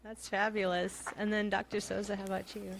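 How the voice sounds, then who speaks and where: A woman's voice: mid-range voice, level tone, fairly quick, gravelly, crowd noise. A woman from Montana hosting an interview podcast, chatty and enthusiastic. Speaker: podcast host.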